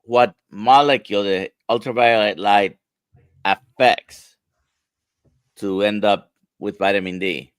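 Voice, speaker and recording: Smooth, low male explainer. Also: steady tone, slow pace, long pauses, no room sound. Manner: explanatory, factual. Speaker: co-host doctor. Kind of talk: casual livestream talk.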